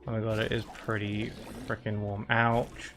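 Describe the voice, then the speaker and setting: While playing a game on a live stream, a man chats casually and reacts aloud to on-screen events with exclamations. His voice is fairly low and flat, at a moderate pace.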